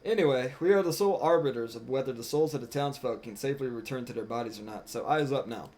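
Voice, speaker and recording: Reading video game dialogue aloud, a man voices a self-important talking cat on a solemn mission, using archaic, formal words in a pompous, resolute mood. His natural voice is medium-pitched, fast and a little mellow, with music behind it.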